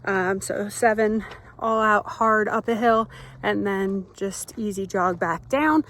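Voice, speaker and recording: A woman's voice: medium pitch, slow, a bit bright. A woman chatting casually in a vlog, upbeat and full of fillers, a bit congested from allergies. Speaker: vlogger, triathlete. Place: outdoors on a run, then a kitchen.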